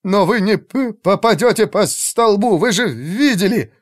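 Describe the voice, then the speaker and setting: A man voicing a terrified male mage who stammers and pleads in panic, in a dark fantasy audiobook. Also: high voice, lively intonation, a little slow, dry recording, studio quality, voice pushed up. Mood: urgent.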